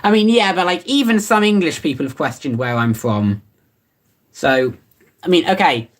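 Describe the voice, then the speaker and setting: Livestreamer, casual chat, lively swinging pitch, rambling, fillers, playfully sarcastic. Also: normal speed. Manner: rambling and offhand, many fillers and restarts.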